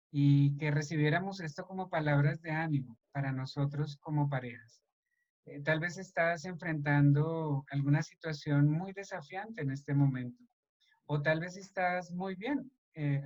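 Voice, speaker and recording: A man's voice: a little high, a little mellow. A man leading a church couples meeting, speaking earnestly and devotionally and addressing the listeners directly. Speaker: church couples ministry leader. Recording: dull lo-fi online meeting audio.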